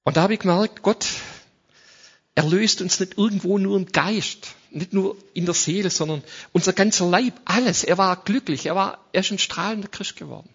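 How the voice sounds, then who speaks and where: High-voiced preacher, loud in scripture. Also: male voice, moderate pace, creaky, slightly rough. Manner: swings from soft to loud when reading scripture; speaks directly to the congregation. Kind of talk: sermon. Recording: dull lo-fi sound.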